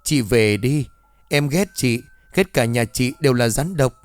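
A man's voice: expressive, a little slow, no room sound, faint music behind, natural voice. A man voicing a small grieving village boy who sobs and curses in anger. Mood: bitter. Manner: shrill, sobbing, cursing.

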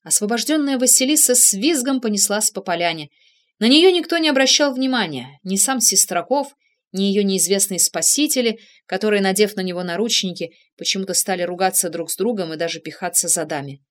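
A woman narrating a humorous novel as an audiobook, lively and expressive. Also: mid-range voice, brisk.

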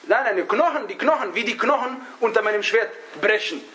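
A high-voiced man, a religious teacher, tells stories to a class during a religious lesson. His tone is expressive, bright and forceful, though his delivery is halting; he searches for words and often adds a questioning "ja?". The recording quality is low.

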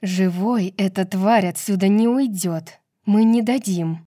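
A woman voicing a fierce, sharp-tongued young woman fighter with a curt, mocking manner. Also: medium pitch, normal speed, no echo, studio quality, lightly acted.

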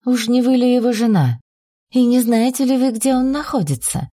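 A woman's voice: on the high side, expressive, moderate pace, warm tone, no echo, studio quality, voice pushed up. A woman voicing an imperious, cruel foreign noblewoman who speaks haughtily and turns frenzied and threatening. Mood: cold, mocking.

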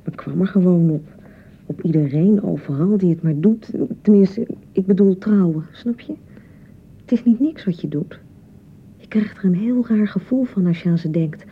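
A radio-play actress voices an anxious, touchy young newlywed bride with a Netherlands Dutch accent, speaking hesitantly, rambling and correcting herself at normal speed. Her female voice has a breathy edge and an uneasy, brooding mood in this naturalistic radio-play dialogue. The recording sounds like a muffled radio broadcast with rumbling noise.

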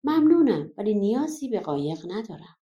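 A woman's voice: mid-range voice, very animated, warm tone, dull audio, close to an everyday voice. A woman voicing a bold young male warrior hero in an audiobook folk tale, speaking earnestly.

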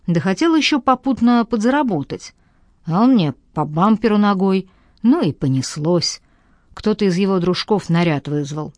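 A woman's voice: medium pitch, animated, moderate pace, darkish tone, dry recording, clean studio sound, lightly acted. Woman doing a sleepy, evasive young man. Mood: sleepy lying. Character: tired hungover young man, evasive liar.

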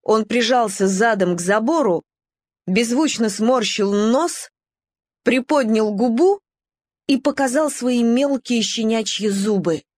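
Expressive woman reading a children's story. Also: fairly high pitch, slow, dry recording, clean studio sound. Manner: expressive, varied pacing. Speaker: narrator.

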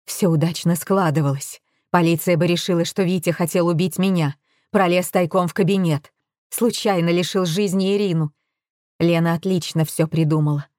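Woman playing a blunt cold mother, curt, low voice, dry sound. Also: fairly even intonation, normal speed, a little mellow, no room sound, close to an everyday voice.

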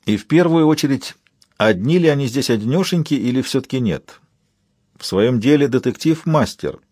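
Male audiobook narrator, husky voice, dry close studio sound, wry delivery. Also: medium pitch, animated, moderate pace, darkish tone, no echo.

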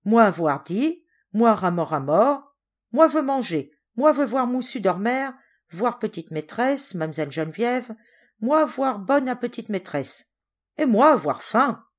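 Woman voicing a big blunt sailor, forties, loud broken pidgin, storybook. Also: very animated, a little slow. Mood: pleading, insistent. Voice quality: broken pidgin French, booming. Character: burly sailor man in his forties, hearty and blunt.

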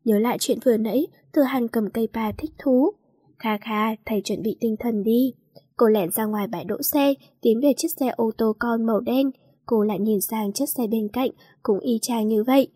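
A young woman narrates a storybook with lively energy, voicing each character as the story goes. Her voice sits fairly high with a soft, breathy edge. The sound is close and dry. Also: normal speed, dry recording. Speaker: audiobook narrator.

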